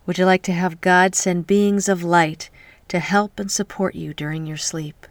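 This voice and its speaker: A woman leading a guided healing meditation in a soft, slow voice that often drops to a whisper, speaking close to the mic. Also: lowish voice, fairly even intonation, no room sound.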